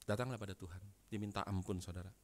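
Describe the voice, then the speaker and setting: A pastor preaching a sermon in dramatic storytelling style, dropping to quiet asides and rising to loud emphatic bursts. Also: male voice, deep voice, steady tone, fast. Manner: dramatic storytelling, frequent address to listeners as brothers and sisters.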